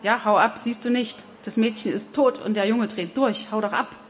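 A woman reading an audiobook, voicing a coarse, furious woman of about fifty who shouts and scolds. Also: fairly high pitch, moderate pace, pitched above the performer's own voice, lightly acted.

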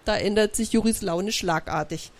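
A woman, the author, reading her children's book aloud to a live audience with lively storytelling. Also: mid-range voice, moderate pace.

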